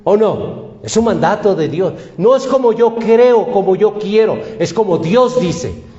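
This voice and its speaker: High, mellow-voiced preaching man. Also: animated, a little slow. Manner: emphatic preaching with repeated rhetorical questions. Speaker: pastor. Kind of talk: sermon. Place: church hall. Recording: echoey church hall, dull lo-fi sound.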